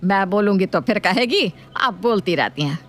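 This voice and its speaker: A woman's voice: expressive, close to an everyday voice. Woman doing a nagging old mother-in-law. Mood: scolding. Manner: scolding, slow and lower-voiced.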